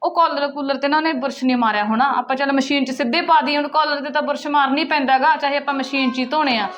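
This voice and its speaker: Voicing a bossy elder sister in a short film, a woman plays a young wife who scolds and nags in a quick, high voice. The recording is slightly dull and lo-fi, with a faint hiss. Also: steady tone, a bit bright. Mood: nagging. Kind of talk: Punjabi short film acting.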